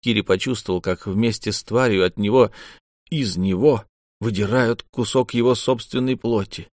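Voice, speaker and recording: Low-voiced man reading a story. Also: normal speed, darkish tone, no echo, studio quality. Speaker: audiobook narrator. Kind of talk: scripted narration.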